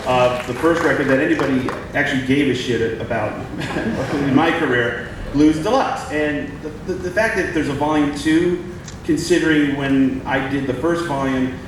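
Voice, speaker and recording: A man in his forties hosts a live onstage chat, rambling and restarting as he talks. His voice is caught from a distance in a very echoey live room. A steady noise sits behind him. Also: fairly high pitch. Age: 40s. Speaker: host. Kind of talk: onstage interview. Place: live event stage.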